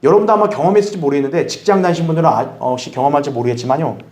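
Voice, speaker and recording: A man pastor teaching a Bible study, animated, asking the congregation questions and acting out what others might say. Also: fairly high pitch, very fast. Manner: animated, acts out others' remarks in a raised voice; asks the audience questions. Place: church hall.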